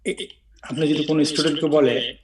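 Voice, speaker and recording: A man's voice: fairly high pitch, steady tone, fairly quick, recorded from a distance, crowd noise, poor audio. Bangladeshi man explaining English stress. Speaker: teacher. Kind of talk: informal teaching chat.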